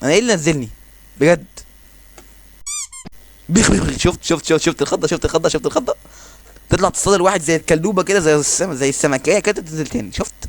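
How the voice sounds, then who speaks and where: Fast-talking Egyptian man commenting on gameplay. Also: on the high side. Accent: Egyptian Arabic. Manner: excitable, exclaiming and joking while playing. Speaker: gaming channel host.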